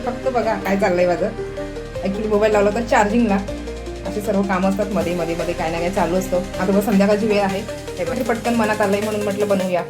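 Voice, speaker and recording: Chatty Marathi woman showing her home. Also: mid-range voice. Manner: chatty, repeatedly pointing things out to viewers. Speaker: vlogger. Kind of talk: casual home vlog narration. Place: home kitchen.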